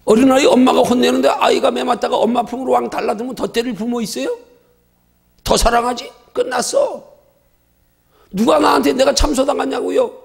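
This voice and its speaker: A middle-aged male pastor leading a Bible study, emphatic and full of rhetorical questions, at times shouting. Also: very high voice, steady tone, fast, vocal fry.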